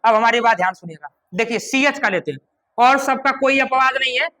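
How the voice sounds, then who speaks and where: Speaking fairly quickly in a bright, high voice, this male teacher breaks a grammar rule into small steps. He goes back over the key words and regularly checks that the class is following, captured on a rough recording.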